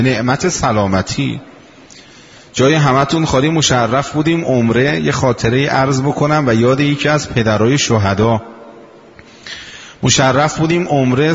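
A man in his sixties preaching a sermon in unhurried storytelling, slowing down for quoted sayings. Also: medium pitch. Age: 60s. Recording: dull lo-fi recording in a reverberant hall.

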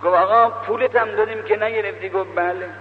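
A man's voice: sits high, fairly even intonation. A man preaching a sermon, telling a story as a string of quoted exchanges and speaking straight to his listeners. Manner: retells dialogue with many "he said" turns; exhorting the listeners directly. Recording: echoey hall, dull lo-fi with faint hum.

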